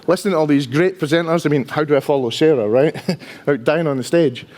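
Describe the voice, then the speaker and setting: Fairly high-pitched, fast and a little mellow, the man is a Dundee-born IT engineer in his fifties with a strong Dundonian Scottish accent. He gives a casual, self-deprecating conference presentation, chatting away and often adding "right?" to his sentences.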